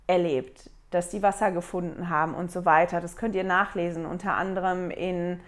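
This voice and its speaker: A woman's voice: fairly low pitch, steady tone, moderate pace. A woman giving a casual scripture study talk, retelling church history in a chatty way with fillers and her own paraphrases.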